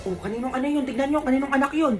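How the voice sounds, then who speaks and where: Isang babaeng may puntong Pilipino na nagko-komedya sa skit, ginagampanan ang iba't ibang karakter, pasigaw at eksaheradang pananalita. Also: female voice, sits high, racing, warm tone. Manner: scolding, exaggerated comic delivery. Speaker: comedy skit creator. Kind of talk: comic skit acting, playing several roles. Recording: music playing behind.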